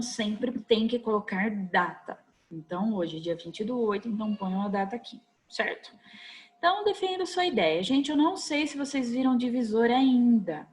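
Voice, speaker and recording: A woman with a Brazilian accent gives a recorded lesson to children, her voice slightly high. She is patient and coaxing, checking in often with little questions. She speaks into a computer mic at her desk. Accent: Brazilian Portuguese. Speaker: primary school teacher. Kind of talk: recorded online class for children.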